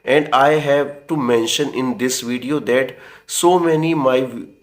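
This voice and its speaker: A man's voice: medium pitch, measured pace. Earnest man giving a lesson. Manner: earnest, encouraging, repeats himself, frequent restarts. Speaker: English speaking tutor. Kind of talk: spoken English lesson to camera.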